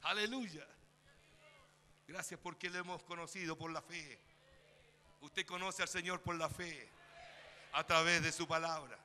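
A man with a Chilean accent preaching a fervent sermon in a church, calling out to the congregation and rising to shouts. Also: a little high, fairly even intonation, measured pace, long pauses, long reverb tail, a little hiss or hum. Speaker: pastor. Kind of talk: Spanish-language sermon. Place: church sanctuary.

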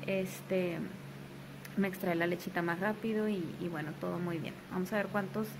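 A woman's voice: lowish voice, moderate pace. A woman, a new mother chatting casually in her bedroom, repeating her phrases and cooing affectionately. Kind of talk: casual home vlog. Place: bedroom at home. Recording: home video with steady background noise.

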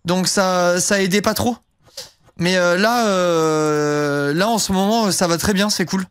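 Young male streamer, high voice, rambling casual chat, dry close sound. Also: slow, clear, resonant tone, dry recording. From southern France. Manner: rambling, heavy fillers, casual swearing. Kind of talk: casual live-stream chat while gaming.

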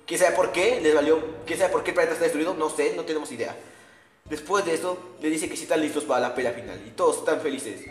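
A man's voice: on the high side, fast. A young man narrating a video game in a crude, slangy, mocking comic style. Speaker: parody narrator. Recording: echoey room with long reverb, faint music. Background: faint music.

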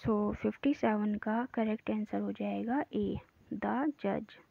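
A woman teacher going through exam practice questions, reading each English question slowly and explaining the answers in quicker Hindi. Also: medium pitch, level tone, vocal fry, no room sound. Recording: dry, narrow phone-like sound.

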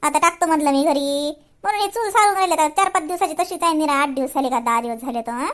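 A woman's voice: high-pitched, quick pace, fairly bright tone. A woman playing an old grandmother in a rural comedy sketch, chattering and complaining.

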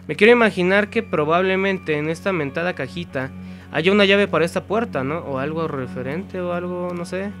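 A young Mexican man talks his way through a horror game, muttering curses to himself, then breaking into panicked yelling. His voice sits fairly high for a man. Faint game music plays underneath. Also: normal speed. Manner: profane, talks to himself, bursts into frightened yelling. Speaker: gameplay commentator. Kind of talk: horror gameplay commentary.

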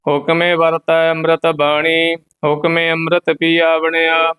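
A man teaching scripture recitation, reading verse line by line at an even pace and stopping now and then to explain where to pause. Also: on the high side, clean tone, rough recording. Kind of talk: slow measured scripture recitation with pronunciation notes.

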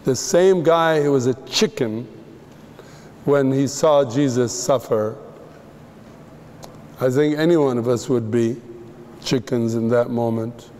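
A man from the Middle East delivers a sermon at a slow, unhurried pace, stressing his points with deliberate pauses. His mid-pitched voice carries a long reverb from a large hall. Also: darkish tone. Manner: measured, emphatic teaching with pauses. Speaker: preacher.

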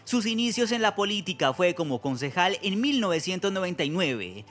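A man narrates a news profile in a formal, measured voice-over. His voice sits high, with faint music under it. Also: sing-song, fairly bright tone.

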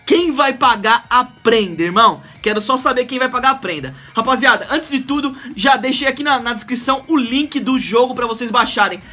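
A man in his thirties with a Brazilian accent, hosting casual, excited gameplay commentary in a slangy, jokey way with frequent exclamations. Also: very high voice, fairly quick, hardly any pauses. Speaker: gaming video host. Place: small indoor room.

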